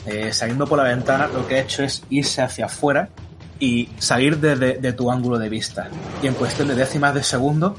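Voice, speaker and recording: A man narrates a horror tabletop game as game master, walking through each scene steadily with frequent hesitant fillers. His voice sits at an ordinary middle pitch. Clear music plays throughout behind him. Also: a little fast. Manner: descriptive, steady, full of fillers. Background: background music.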